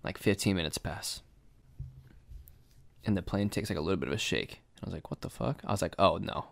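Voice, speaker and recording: A young man telling a story in casual chat, animated and swearing, full of fillers. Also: deep voice, a little fast, gravelly.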